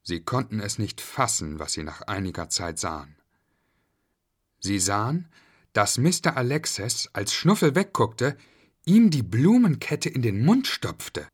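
A man reading a children's story aloud in a slow, expressive way. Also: lowish voice, husky. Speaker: narrator.

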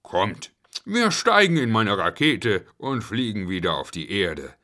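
A man's voice: fairly low pitch, very animated, drawn-out words, a bit bright, exaggerated voice. A man doing a reassuring storybook father. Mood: calm. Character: kind calm father rescuer.

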